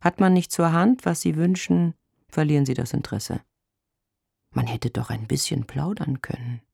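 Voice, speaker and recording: A man reads a first-person story in a wry, deadpan, gently melancholic way. His voice has a gravelly grain. The recording is close and dry, with no room sound. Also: a little high, normal speed, no echo. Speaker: narrator.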